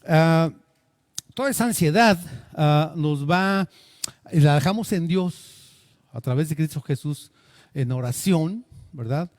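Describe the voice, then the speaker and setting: A man's voice: fairly high pitch, takes it slowly, long pauses, a little mellow, no room sound, studio quality. A man preaching a sermon, earnest and asking his listeners questions. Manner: earnest, asks the congregation questions.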